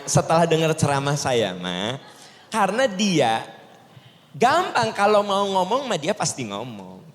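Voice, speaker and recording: A man preaching a sermon with a Sundanese accent, lively, sometimes jumping into high mimicking voices. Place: large mosque hall. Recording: long reverb of mosque hall.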